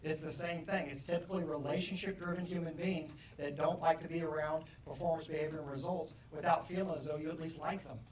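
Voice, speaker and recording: A middle-aged man giving an animated motivational talk to an audience, acting out bits of dialogue with loud bursts. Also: a little high, fast talker, few pauses. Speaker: motivational speaker. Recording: roomy, distant hall mic, faint ambience.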